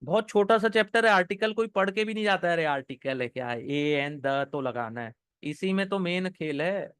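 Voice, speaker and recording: A man's voice: high-pitched, expressive, a bit bright, clean tone, no echo. A young man teaching an exam-prep class live, encouraging his students and explaining each answer step by step. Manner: encouraging, explains step by step, reads sentences slowly. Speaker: online English teacher.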